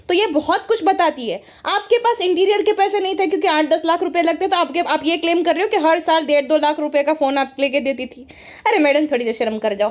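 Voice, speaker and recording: A woman talks through casual commentary in a sarcastic, mocking tone. Her voice sits high and she needles the people she discusses at an unhurried clip. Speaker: commentary YouTuber.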